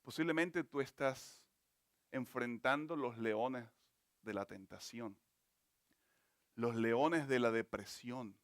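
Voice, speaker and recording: A man preaching a sermon as a pastor, swinging between forceful emphasis and hushed, slow phrases. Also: mid-range voice, dry recording, clean studio sound.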